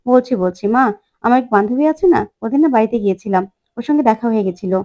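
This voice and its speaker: A woman voicing a meek, gentle young woman in a retold family serial. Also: on the high side, fast, natural voice.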